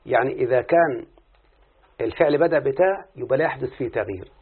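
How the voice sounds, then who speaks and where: A man's voice: mid-range voice, quick pace, breathy edge. A man with an Egyptian accent works through an Arabic grammar lesson step by step and keeps checking with his teacher. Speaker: student reciting a grammar lesson. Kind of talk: Arabic morphology lesson, question and answer. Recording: tinny phone-like recording.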